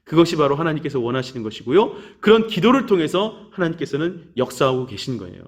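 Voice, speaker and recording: A man preaching a children's sermon in a church, telling a story animatedly and acting out the voices of the people in it. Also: on the high side. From Korea. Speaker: children's pastor.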